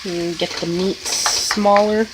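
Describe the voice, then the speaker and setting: A woman's voice: mid-range voice, fairly even intonation, takes it slowly. A woman casually hosting a cooking demonstration, loosely explaining each step as she goes. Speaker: cooking video host. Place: kitchen, indoors. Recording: clear kitchen noise, sizzling and pans.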